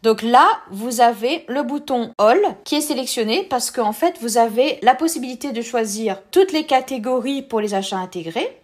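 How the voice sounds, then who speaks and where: A woman's voice: fairly high pitch, moderate pace. A woman hosting an app tutorial, explaining each step casually with filler words.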